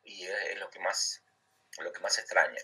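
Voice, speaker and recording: A middle-aged man from Comodoro Rivadavia, Argentina, chats casually as an interview guest in Argentine Spanish. He laughs easily and repeats and stumbles over words as he thinks. His voice is low, sharp, and slightly rough, with fairly even intonation at normal speed, recorded roughly on a distant mic.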